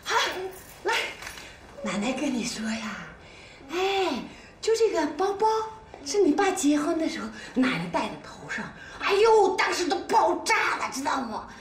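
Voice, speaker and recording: An actress playing a fussy, excitable older grandmother who gushes and repeats her words. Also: very high-pitched, moderate pace, slight background noise. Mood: doting. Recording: roomy echo with faint music.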